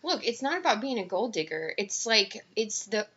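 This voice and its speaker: Twenties woman, blunt and profane in casual chat; bright tone, slightly dull recording. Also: mid-range voice, very animated, normal speed. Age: 20s. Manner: blunt, swears freely, laughs often.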